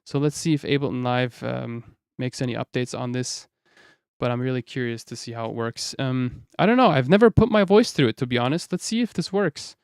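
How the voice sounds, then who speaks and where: A man demonstrating music software in a casual stream, excited and slangy, talking into a studio vocal mic in a home studio. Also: a little fast, vocal fry, clear, resonant tone, no echo. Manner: excited, slangy, thinks aloud. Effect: robotic pitch-shifting auto-tune.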